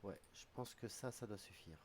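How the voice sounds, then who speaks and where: Here a man with a slight head cold plays online chess for his stream, thinking aloud in half-finished mutters about his calculations. His fairly low voice keeps a moderate pace, and there's slight background noise on the desk mic.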